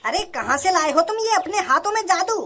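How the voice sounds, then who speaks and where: A woman's voice: very high-pitched, animated, a little fast, bright, forceful tone, heavily acted. A woman voicing a cheerful male customer in a cartoon who gushes with praise for the food. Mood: gushing. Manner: gushing praise. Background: music.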